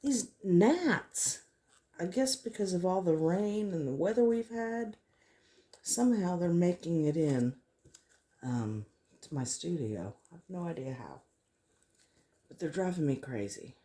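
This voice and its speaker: A woman's voice: fairly low pitch, expressive, unhurried, pauses often, dark tone. A woman chatting casually to viewers as she works on a craft, thinking aloud as she goes. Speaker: craft vlogger hosting a resin tutorial. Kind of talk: casual chat while working.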